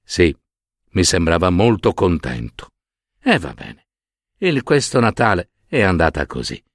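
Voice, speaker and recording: A man's voice: sits low, big pitch swings, measured pace, dry recording, studio quality, heavily acted. A man voicing a humble, good-hearted old shoemaker in a storybook tale, speaking plainly with a grumble. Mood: homely.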